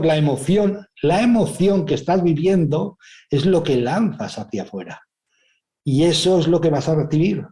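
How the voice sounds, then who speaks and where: Mellow man teaching. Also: mid-range voice. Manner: explanatory, checks in with rhetorical questions. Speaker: speaker, writer. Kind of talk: spiritual motivational talk.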